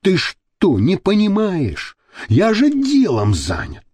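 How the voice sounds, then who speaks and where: A man doing a hushed, nervous thug. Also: sits high, wildly swooping pitch, slow pace, breathy edge, no room sound, pitched above the performer's own voice, exaggerated voice. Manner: hushed, pleading. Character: nervous male thug caught in a hotel room.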